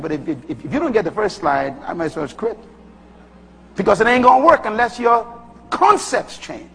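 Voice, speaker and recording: A man from the Bahamas with a Bahamian accent, preaching a sermon with emphatic bursts that rise high and drop low. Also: vocal fry, sharp tone, husky. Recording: long hall reverb.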